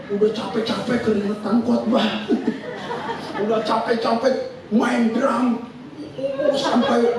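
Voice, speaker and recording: A male preacher, giving a lively sermon full of laughter and acted-out quotes in slang. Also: high-pitched. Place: church hall. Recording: echoey hall from far off, noisy.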